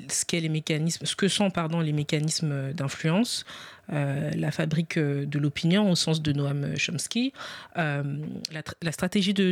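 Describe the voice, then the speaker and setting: A man with family roots in the Republic of the Congo, a parliamentary adviser, answers interview questions as a podcast guest. He sounds reflective and formal, hesitating and restarting again and again as he searches for careful wording. His voice is fairly high with vocal fry, and the recording is dry.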